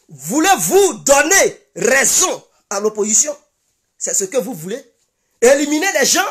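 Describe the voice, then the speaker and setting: Ivorian woman, political commentator, high voice with wide swings, emphatic and repetitive. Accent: Ivorian French. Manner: emphatic, repeats insistent declarations. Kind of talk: impassioned political commentary monologue.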